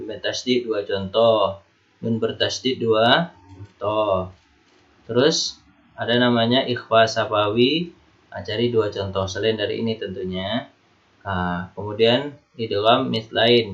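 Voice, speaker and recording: A man teaching Quran recitation rules to university students. He explains slowly and repeats himself, and he chants the Arabic examples in long drawn-out tones. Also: on the low side, steady tone, highs cut off. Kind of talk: online lecture.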